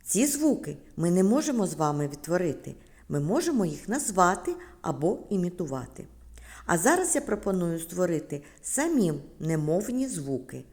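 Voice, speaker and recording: A woman kindergarten teacher with a Ukrainian accent, giving a lesson to preschool children in a slow, clear, sing-song voice that stretches out sounds. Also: lowish voice, sing-song, a little mellow.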